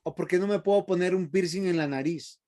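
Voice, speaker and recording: A man's voice: high-pitched, a little fast, warm tone, natural voice. A man voicing a teenage boy who whines and pleads with his father about church and piercings. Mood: whiny. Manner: whining, pleading.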